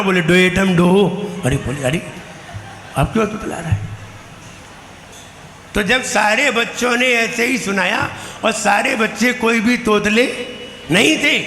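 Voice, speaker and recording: A high, bright male voice delivers a lively storytelling sermon, acting out little scenes as he goes. He sounds like a monk addressing a gathering, his words ringing through a long, reverberant temple hall with a faint hum of ambience behind. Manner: animated storytelling, mimicking children's lisps. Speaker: Jain monk preacher.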